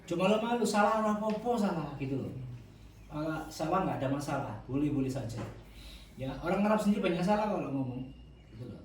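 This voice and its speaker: A man teaching Arabic grammar to a class, relaxed and joking, mixing in words. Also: on the high side, fast, a little hiss or hum. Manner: relaxed, joking, mixes in Javanese. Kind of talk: classroom lesson. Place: large echoey mosque hall. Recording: echoey hall, voice from far off.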